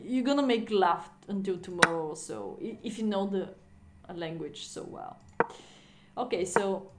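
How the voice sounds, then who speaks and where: Her voice is mid-range with some background noise behind it. She's a talkative chess streamer, Bulgarian by first language, laughing and using non-native phrasing as she offers relaxed live-stream commentary from a room in her home.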